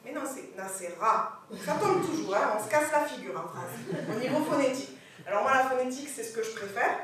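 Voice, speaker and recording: A woman French teacher giving an animated lecture on pronunciation, checking in with her audience as she goes. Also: high-pitched, fast. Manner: animated, corrects pronunciation, asks the audience questions. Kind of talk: lively classroom lecture. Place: lecture hall. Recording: echoey hall from far off, faint hiss.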